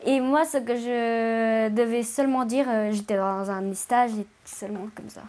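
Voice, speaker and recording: A woman's voice: on the high side, fairly even intonation, measured pace, a little mellow. A young woman student speaking shyly in an interview, often searching for words. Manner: shy, hesitant, searching for words. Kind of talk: interview testimony.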